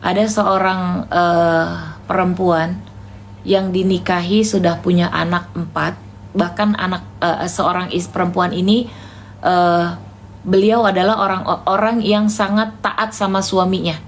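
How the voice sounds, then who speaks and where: A woman's voice: fairly low pitch, steady tone, unhurried, slight background noise. A woman preacher giving casual religious advice to a live online room, calling her listener "Kak" and retelling conversations in a chatty way. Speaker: Islamic preacher answering questions.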